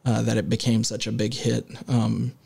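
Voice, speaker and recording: A man co-hosting a casual music podcast, leading the talk in a halting way with many filler sounds and restarts. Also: lowish voice, little pitch movement, gravelly, darkish tone, breathy edge. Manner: leads the discussion and segues. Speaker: podcast co-host.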